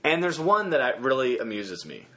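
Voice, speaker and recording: A man co-hosting a casual podcast from a friend's house, chatty and working through numbers out loud. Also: mid-range voice, big pitch swings, moderate pace. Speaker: podcast co-host.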